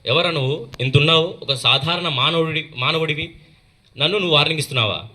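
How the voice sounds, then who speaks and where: A man's voice: a little high, quick pace, bright, forceful tone. A man voicing a boastful, threatening female demon who turns cowardly, in a story told at a school assembly. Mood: menacing. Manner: threatening, then boastful and wavering.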